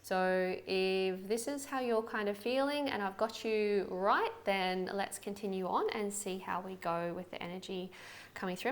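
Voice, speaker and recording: A young woman doing a casual tarot reading for viewers, chatty and friendly with quick asides and fillers. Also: medium pitch, noisy background. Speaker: tarot reader.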